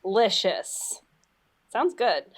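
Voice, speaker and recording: A woman with a medium-pitched, highly animated voice speaks slowly, telling comic anecdotes in casual chat. As a panel professor, she poses a quiz question to the panel with playfully dramatic emphasis.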